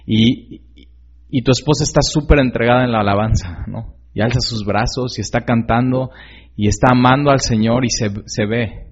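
A man's voice: mid-range voice, moderate pace. A man preaching a sermon in an earnest, conversational way, often asking the listener direct questions. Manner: conversational, with many fillers and tag questions. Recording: slightly dull lo-fi recording.

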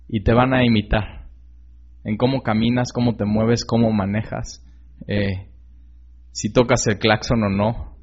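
A man's voice: mid-range voice, a little mellow. A man preaching a sermon in an earnest, conversational way, often asking the listener direct questions. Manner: conversational, with many fillers and tag questions. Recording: slightly dull lo-fi recording.

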